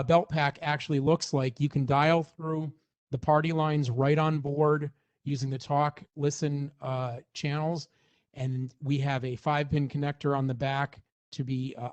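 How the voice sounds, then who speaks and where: A man with a medium-pitched, slightly mellow voice presents a product walkthrough, explaining informally in the style of a semi-scripted technical demonstration.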